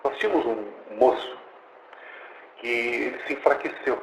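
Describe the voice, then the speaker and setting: A man's voice: mid-range voice, a little slow, gravelly. Earnest man testifying in a roomy church. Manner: earnest, addresses the brethren. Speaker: church musician giving a testimony. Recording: roomy church recording, faint noise.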